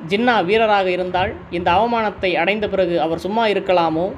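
Reader: male, fairly high pitch, measured formal delivery, faint background hiss. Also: fairly even intonation. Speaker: reader of essays. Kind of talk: reading an essay aloud.

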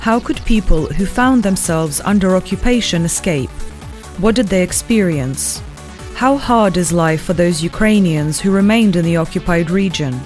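A woman presenting a radio program, reading scripted news narration in a measured, formal way. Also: lowish voice, lively intonation, darkish tone, soft background music.

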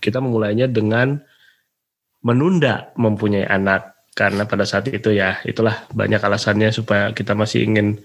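Male guest, 40s, from Indonesia, low voice, hesitant delivery. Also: steady tone. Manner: slow, hesitant, with many fillers. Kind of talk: casual conversation.

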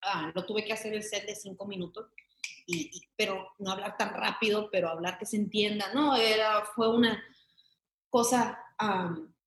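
A young Mexican woman who creates comedy sketches chats animatedly as an interview guest, laughing often. Her medium-pitched voice is steady at a moderate pace, recorded in an echoey room with a little hiss or hum.

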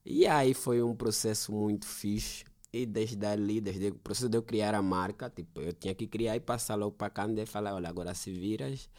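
Deep-voiced man in casual chat. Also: brisk, hardly any pauses, darkish tone. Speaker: podcast host, visual designer.

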